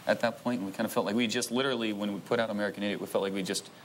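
A man's voice: fairly low pitch, steady tone, racing, slight background noise. A man in a rock band talking easygoingly as a talk-show guest, hedging with "kinda" and "I don't know". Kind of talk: casual talk-show interview.

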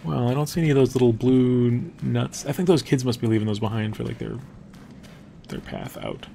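A young man commentating a game casually, thinking aloud and dropping to hushed tones when nervous. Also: mid-range voice, fairly even intonation, brisk, gravelly, slight background noise. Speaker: gameplay commentator. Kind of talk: casual let's-play commentary.

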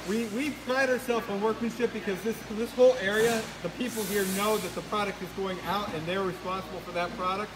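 A man answering questions on a warehouse tour, brisk and confident. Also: sits high, steady tone. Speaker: company manager. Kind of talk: explaining to a host on a tour. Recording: noisy warehouse ambience.

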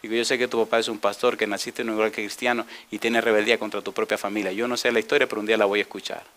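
A male pastor preaching a sermon, telling a personal story and putting rhetorical questions to the congregation, often rising to loud, high preaching. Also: level tone, very fast.

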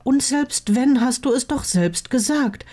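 A woman reading aloud gives an earnest blond teenage wizard boy who keeps pleading with his friend, pitched well up and lively. The tone stays mellow and warm, with a soft storybook delivery. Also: unhurried. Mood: urging. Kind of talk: audiobook reading of fan fiction.

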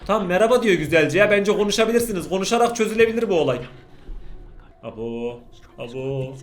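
A young man hosting a reaction video, giving excitable, slangy running commentary. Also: sits high, racing. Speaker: YouTube reaction host.

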